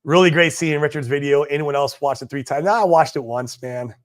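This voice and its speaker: Reading comments on a laid-back livestream from home in Puerto Rico, this man in his forties talks in a slightly high, brisk voice. His speech is slangy and easygoing, sprinkled with "man" and "dude."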